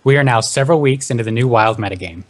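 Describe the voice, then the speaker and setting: A man hosting a gaming podcast panel, introducing guests with brisk, upbeat patter. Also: medium pitch. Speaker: podcast host. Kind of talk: hosted panel discussion.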